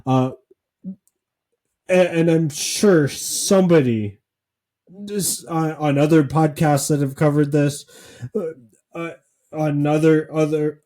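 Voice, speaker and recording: A man co-hosting a podcast, talking casually with deadpan sarcasm and lots of filler words. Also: a little high. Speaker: podcast co-host.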